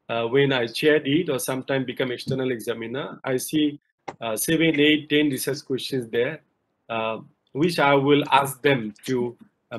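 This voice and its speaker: A man's voice: medium pitch, fairly bright tone, rough recording. A middle-aged man from Malaysia, a professor answering students' questions in an online lecture, explaining at length with many fillers. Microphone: video call.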